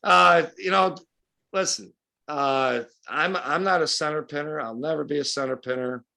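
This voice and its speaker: A man's voice: on the high side, normal speed, gravelly, bright, forceful tone. A man from western New York talking bluntly and casually as a fishing guide at a club meeting, with a folksy, opinionated way of speaking.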